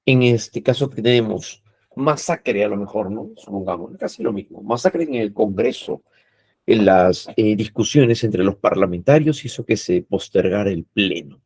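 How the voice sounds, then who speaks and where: A low, gravelly-voiced man lecturing as a teacher. He explains patiently, with a husky, dark tone. The sound is dry and close. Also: lively intonation, normal speed, no room sound. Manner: explains patiently with frequent "¿no?" and "eh" tags.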